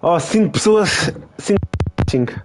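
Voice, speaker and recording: A young man with a European Portuguese accent, live-streaming a football game in excitable, trash-talking casual chatter that repeats itself. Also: sits high, a little slow, a little hiss or hum. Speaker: gaming streamer.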